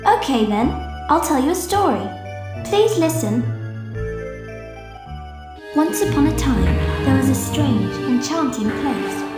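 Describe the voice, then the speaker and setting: A woman voicing a creepy doll-like little girl who tells eerie stories in a slow sing-song for a video game. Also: high-pitched, expressive. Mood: eerie, playful. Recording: echoey, loud music behind.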